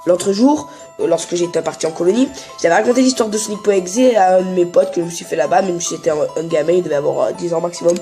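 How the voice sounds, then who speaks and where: A man's voice: high voice, fast, warm tone, soft background music. A teenage boy chatting casually in a vlog, rambling and joking with lots of fillers and restarts. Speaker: YouTuber.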